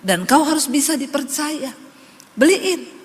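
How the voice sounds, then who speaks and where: A woman's voice: high voice, lively intonation, a little slow. A woman preacher voicing God as a stern, commanding divine voice in a reverberant hall.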